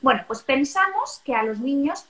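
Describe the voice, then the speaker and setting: A woman's voice: high-pitched, lively intonation, moderate pace, a bit bright, reverberant, rough recording. A woman talking casually and with animation about raising children, acting out parents' voices now and then. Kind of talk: casual conversation.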